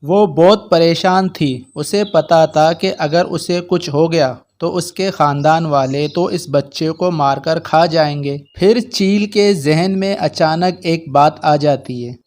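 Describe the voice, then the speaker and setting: A man narrating a children's cartoon story in a calm, steady storytelling manner. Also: fairly high pitch, slow pace, few pauses.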